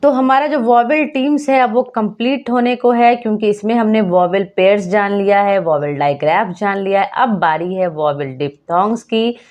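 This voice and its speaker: A woman teaching a phonics lesson for parents, patiently asking and answering her own questions and sounding out words slowly. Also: medium pitch, a little mellow, highs cut off.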